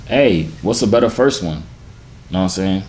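A man in his early twenties with an American accent and a deep, booming voice, chatting in a laid-back, slangy, teasing way. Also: lively intonation, moderate pace, darkish tone, slight background noise. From New York, United States. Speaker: vlogger hosting a random video-chat prank. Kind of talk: casual flirtatious chat. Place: garage-like home gym, indoors.

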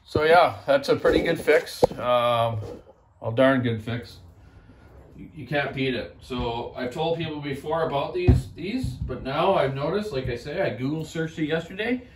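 Folksy man rambling in an echoey workshop. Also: medium pitch. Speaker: chainsaw repair shop owner. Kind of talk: casual workshop vlog. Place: small indoor repair workshop.

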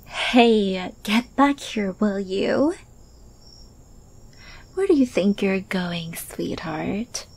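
A woman in an ASMR role-play, playing an obsessively lovestruck thief who teases and coaxes her captive in a breathy, possessive soft voice. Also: medium pitch, expressive, heavily acted. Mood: possessive, menacing. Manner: slow, breathy, coaxing soft voice with pet names. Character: infamous female thief, obsessively lovestruck, teasing and possessive kidnapper.

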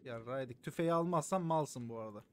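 A man's voice: medium pitch, brisk. A man streaming a game live, joking around, swearing often and thanking his viewers by name. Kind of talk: live gameplay commentary.

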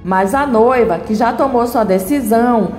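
A woman narrating a plot summary of a soap opera in a plain, steady storytelling manner. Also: a little high, normal speed. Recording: echoey room, long reverb, faint music.

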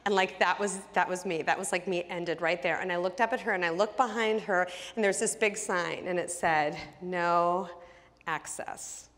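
A woman's voice: lowish voice, steady tone, fairly quick, few pauses, a bit bright, in a large hall. A woman teaching a Bible study who tells a personal story with animation and acts out the dialogue.

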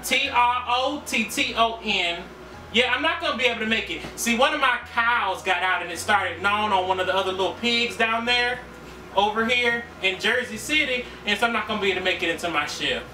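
A man's voice: high-pitched, brisk, pushed and bright, a little hiss or hum. A young man playing an earnest, polite department store worker on a straight-faced prank call. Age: young adult. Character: earnest male farm-owning lingerie department worker calling off. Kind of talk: improvised prank phone call. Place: small living room. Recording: roomy, distant camera sound, music.

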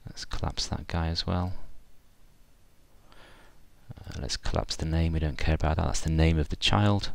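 A man giving an unscripted screencast walkthrough of software, thinking aloud with frequent fillers and restarts. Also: a bass voice, steady tone, normal speed, gravelly, pauses often.

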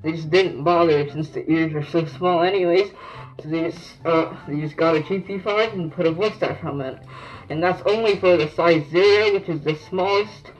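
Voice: mid-range voice, normal speed, muffled recording. A collector gives a casual show-and-tell review of their gear, talking loosely through a gas mask they are wearing. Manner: informal, loosely explaining as they go.

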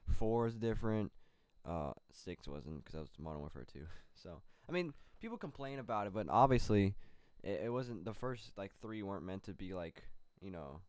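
Here the young co-host sounds fairly low, a little mellow, clear and resonant, speaking at normal speed with animation and no echo. He wanders through the gaming news stories on his casual home-studio show, loosely delivered and heavy on fillers, into a studio mic on a boom arm.

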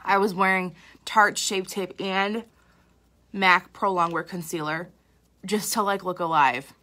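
A young woman talks through a makeup routine in a loose, candid way, full of "like" and "um." Her tone is bright and clear, but she sounds a little sleepy and tired. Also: fairly low pitch, fairly even intonation, measured pace. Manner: chatty, candid, self-deprecating, lots of fillers. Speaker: makeup artist. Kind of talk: casual live makeup tutorial.

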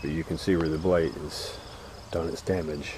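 Walking through his vegetable fields, a farmer gives a casual tour, rambling easily with lots of "uh" fillers. His voice rumbles low with fairly even intonation at normal speed, caught on a handheld camera mic amid crickets and insects.

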